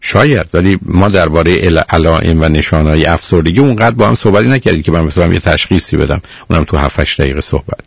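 A man with a gravelly, creaky voice giving advice on a radio call-in show. His talk is stern and lecturing, close and dry with no room sound. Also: deep voice, hardly any pauses, no room sound. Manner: stern, lecturing, repeats "dear" to the caller. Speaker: radio counselor.

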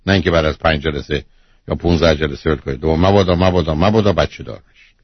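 Blunt husky-voiced male radio counselor. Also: extremely low pitch, no room sound. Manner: blunt, direct, lecturing. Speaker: radio psychologist host. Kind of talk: call-in counseling advice. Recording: dull lo-fi radio audio.

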